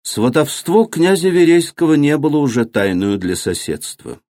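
A man's voice: on the high side, sing-song, normal speed, darkish tone, dry recording, studio quality. Man narrating a classic novel. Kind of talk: scripted audiobook narration.

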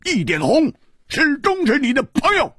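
A man's voice: very high-pitched, wildly swooping pitch, moderate pace, sharp tone, no room sound, clean studio sound, pitched above the performer's own voice, exaggerated voice. Man doing a cold terse young assassin. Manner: cold, clipped.

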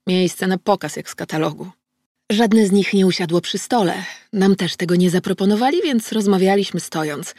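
A woman narrating a first-person audiobook in a steady, measured way. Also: lowish voice, no echo, studio quality.

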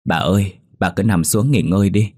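A man voicing a gentle village man who coaxes a grieving old woman to rest. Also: deep voice, normal speed, dry recording, studio quality. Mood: soothing. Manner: soothing, coaxing.

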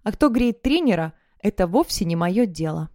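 A woman narrating an audiobook in the first person, in a lively, conversational way. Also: medium pitch, moderate pace, no echo, studio quality.

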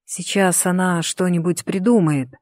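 An expressive narrator reads a fantasy novel aloud, keeping the telling lively. The voice sits at a middle pitch, and the close, dry recording has no room sound around it. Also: measured pace, no room sound. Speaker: audiobook narrator.

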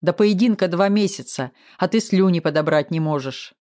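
A man's voice: high-pitched, moderate pace, a little mellow, natural voice. A man reading an audiobook, voicing a short-tempered male fight coach who barks and scolds. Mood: angry. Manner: barking, scolding.

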